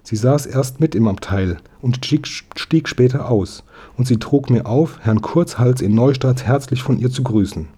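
A man's voice: mid-range voice, measured pace, dark tone, slightly rough, voice pushed up. A man voicing an indignant, eager young boy in a storybook reading, talking in agitated outbursts. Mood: urgent.

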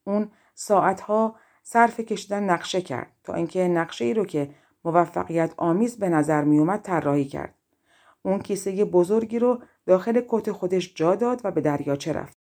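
Warm, low-voiced woman reading fairy tales. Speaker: audiobook narrator. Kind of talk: fairy-tale audiobook narration.

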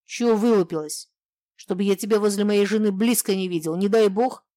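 A woman voicing a coarse, bullying middle-aged husband who snarls threats in a rough voice. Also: mid-range voice, animated, a little slow, a little mellow, dry recording, studio quality, natural voice. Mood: menacing.

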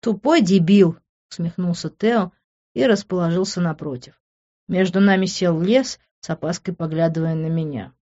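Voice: mid-range voice, moderate pace, darkish tone, muffled recording. A reader narrating a first-person novel with tense, driving delivery. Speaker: audiobook reader.

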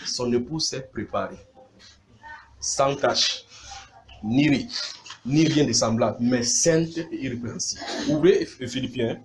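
A man preaching a sermon, animated, mimicking sounds and calling out to his congregation. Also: mid-range voice, unhurried, pauses often, noisy background.

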